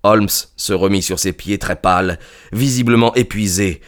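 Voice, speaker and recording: A man reading a classic mystery aloud in measured, steady narration. His voice sits fairly low, and the pacing is calm and even. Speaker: audiobook reader. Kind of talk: literary audiobook narration.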